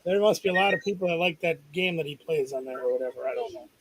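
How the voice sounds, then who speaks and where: A man's voice: on the high side, fast, low-quality recording. A middle-aged man co-hosting a live stream, chatting casually with an easygoing, joking manner. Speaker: co-host.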